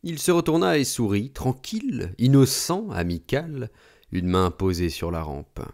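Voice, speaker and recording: A man narrating a literary novel as an audiobook in a measured, expressive way. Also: medium pitch, vocal fry.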